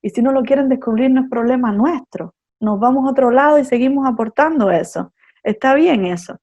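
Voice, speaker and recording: Mellow-voiced woman psychotherapist explaining. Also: sits high, brisk, highs cut off. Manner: explanatory, lays out ideas step by step with examples. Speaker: psychotherapist guest. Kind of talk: expert explanation in an interview.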